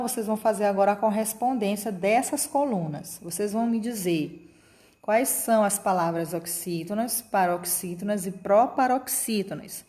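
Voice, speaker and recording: A woman's voice: mid-range voice, mellow. Patient woman teaching children. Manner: patient, explanatory, checks in with "tá?" and "ok?". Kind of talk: remote class lesson for children.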